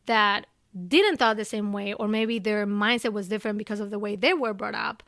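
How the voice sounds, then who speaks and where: A woman's voice: medium pitch, steady tone, moderate pace, creaky, a bit bright, no echo, clean studio sound. A young woman from Ecuador with a Spanish accent, speaking English as her second language and chatting animatedly as an interview guest, full of "you know" and "like". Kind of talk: casual interview conversation.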